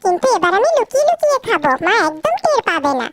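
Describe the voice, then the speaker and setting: A woman's voice: very high-pitched, sing-song, fast, slight background noise. A woman voicing a naughty young boy in a cartoon who is cheeky and fond of chips, whining and pleading. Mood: sulky. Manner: pleading and whiny. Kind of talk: cartoon voice acting.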